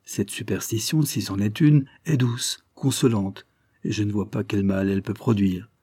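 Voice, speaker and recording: A man voicing a gentle, gracious young married woman in a read-aloud story, speaking softly and kindly. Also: on the low side, fairly even intonation, normal speed, husky, no echo, studio quality.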